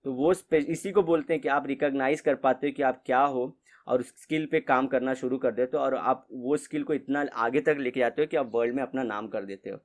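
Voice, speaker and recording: A man's voice: medium pitch, a little fast. A man teaching a class in a casual, conversational way, mixing English phrases into his explanations. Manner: conversational, mixes English phrases, repeats ठीक है.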